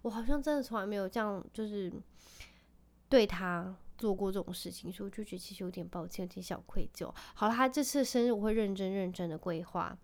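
A podcast host in her thirties speaks quickly in a mid-range voice, chatting in a relaxed, affectionate way about family life and laughing frequently.

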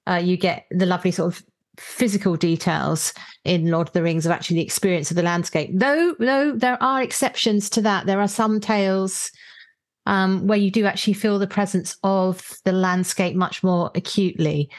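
A woman of medium pitch, speaking at a normal pace, hosts a chatty book review podcast. As she talks about books she explains her views and thinks aloud.

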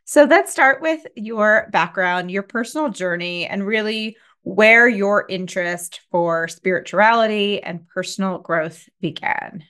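A woman's voice: mid-range voice, unhurried, few pauses, sharp tone, clean tone. Upbeat woman podcast host. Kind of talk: scripted podcast intro and ad read.

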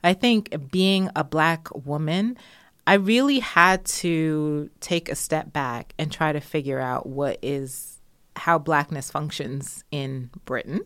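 Woman from Jamaica, low-pitched, reflective and conversational, dry close sound. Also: takes it slowly, fairly bright tone, clean tone, dry recording. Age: adult. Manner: thoughtful, with frequent laughter and fillers. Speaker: interviewee. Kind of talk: conversational interview.

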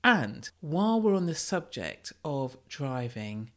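A podcast host with a British accent talking through pet peeves in a casual solo monologue, blunt and self-mocking, with a naturally loud voice. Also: mid-range voice, sing-song, takes it slowly. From United Kingdom.

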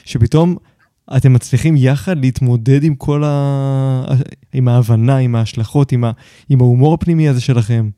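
A male podcast host with a very dark, mellow voice. He mostly chimes in with brief, supportive remarks in a relaxed conversation. His voice is recorded close and dry. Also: medium pitch, no room sound.

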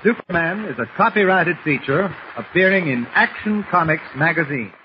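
A man announcing with a booming, dramatic delivery, heard as an old radio show broadcast. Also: animated, normal speed. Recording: hissy, muffled old radio recording.

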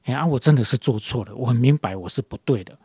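Husky man sharing a devotional. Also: mid-range voice, quick pace, dark tone, no echo. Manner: rambling, many fillers and restarts. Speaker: devotion leader.

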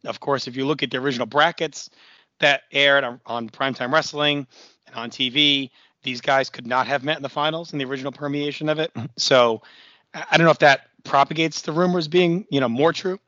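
A hoarse man co-hosts a casual podcast, his worn voice raspy but bright and pushed. The sound is dry and close, with a slightly dull, limited top end. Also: mid-range voice, steady tone, fairly quick, no echo. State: hoarse, voice nearly gone, throat-clearing. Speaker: podcast co-host. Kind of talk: casual conversational podcast talk.

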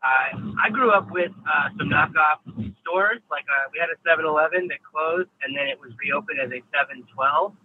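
A man from Philadelphia leaving a hesitant, casual voicemail played back over a phone line. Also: on the high side. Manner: hesitant, with filler pauses. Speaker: voicemail caller. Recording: tinny phone-line voicemail with faint hiss.

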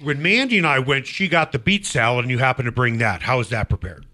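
A man's voice: mid-range voice, lively intonation, fast talker, sharp tone. A man hosting a sports radio show in the studio, chatty and enthusiastic, also reading sponsor spots. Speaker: radio talk show host. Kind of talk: casual studio chat.

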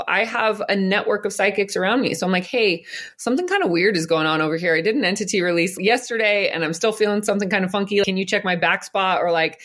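A middle-aged woman with a fairly low, fairly bright voice is interviewed as a podcast guest; she's a psychic and business coach. She talks earnestly and fluidly about spiritual topics, laughing easily and often.

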